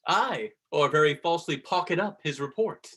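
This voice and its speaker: A man's voice: on the high side, animated, normal speed, a bit bright, breathy edge. A man playing a blunt, mocking nobleman in a Shakespearean drama, with a dry, cutting delivery. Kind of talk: Shakespearean stage drama performance.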